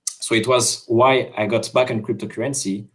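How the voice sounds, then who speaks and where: A man's voice: mid-range voice, fairly even intonation, moderate pace. A man from Switzerland, a crypto developer, chatting on a video call in a hesitant way, with lots of fillers and restarts. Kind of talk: casual video call chat.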